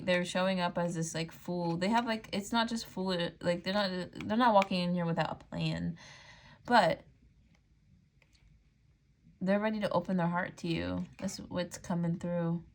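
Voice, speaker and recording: With a lowish voice and a little hiss or hum in the recording, a woman reads tarot casually for her viewers. Her style is chatty and loose, full of "like" and "um", and she laughs easily.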